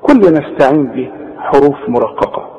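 A man with an Egyptian accent teaching Quran recitation step by step, patiently correcting mistakes and slowly drawing out words to demonstrate. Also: fairly high pitch, animated, in a large hall, highs cut off. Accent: Egyptian Arabic. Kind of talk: step-by-step tajweed lesson.

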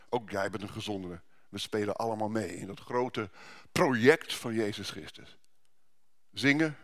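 A man's voice: on the low side, fairly bright tone. A male pastor giving a sermon at a church service, conversational, with rhetorical questions and frequent restarts.

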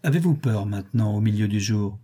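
A man voicing a blunt but kindly apothecary in an audiobook reading, asking brisk questions. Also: fairly low pitch, animated, warm tone, husky. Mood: questioning. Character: kindly blunt male apothecary, middle-aged.

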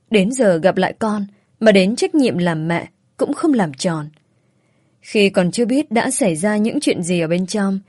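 A woman's voice: mid-range voice, a little mellow, no room sound, clean studio sound. A woman narrating an emotional first-person story. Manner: earnest and emotional.

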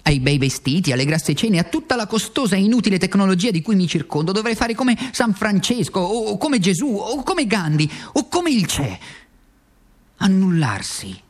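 In a theatrical radio monologue, a male actor whose voice sits high delivers a very animated turn as a tormented, worn-out communist who blames himself. Full of anguished yearning, he speaks haltingly and repeats phrases for emphasis.

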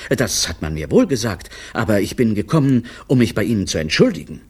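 A man voicing a timid, fussy male circus clown who rushes his words nervously. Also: high voice, huge pitch swings, a little mellow, breathy edge, voice pushed up, heavily acted. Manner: nervous, rushing.

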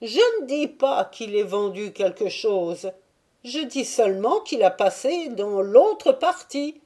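A woman's voice: on the high side, big pitch swings, slow, dark tone, voice pushed up, full character voice. A woman reading aloud and voicing a fearful, pleading old male trader who protests his honesty. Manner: voice raised, wheedling and protesting.

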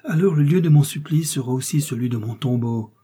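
In this audiobook, a man reads a vengeful young noblewoman with dark, husky tones. She speaks in an impassioned, dramatic way and stays defiant throughout. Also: mid-range voice, a little fast, natural voice. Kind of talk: audiobook reading.

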